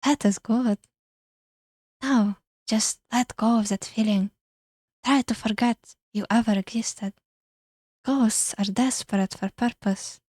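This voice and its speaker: A woman voicing a gloomy, melancholy female vampire ghost from a dating game, speaking in a slow, airy, eerie way. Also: fairly high pitch, fairly even intonation, darkish tone, dry recording, clean studio sound. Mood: mournful. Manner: slow, solemn, philosophical. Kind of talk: reading a game character aloud.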